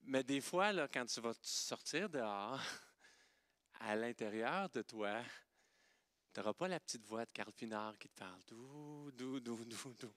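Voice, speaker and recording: A man with a Québécois accent preaching a playful, animated sermon, swinging between loud exclamations and hushed, gentle passages. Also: mid-range voice, measured pace, pauses often, clean tone, no room sound, studio quality. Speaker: pastor.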